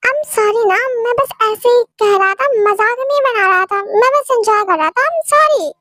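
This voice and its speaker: A woman's voice: very high voice, animated, unhurried, sharp tone, full character voice. A woman voicing a playful, persistent young man who coaxes and teases in a fan-made audio drama. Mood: apologetic. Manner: playful, coaxing.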